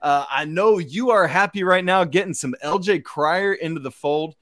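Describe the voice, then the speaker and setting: A man's voice: on the high side, normal speed, a bit bright, no room sound, clean studio sound. A man with a Georgia accent hosting a sports podcast, exclamatory and folksy, addressing listeners like buddies. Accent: Georgia, American South. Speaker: podcast host.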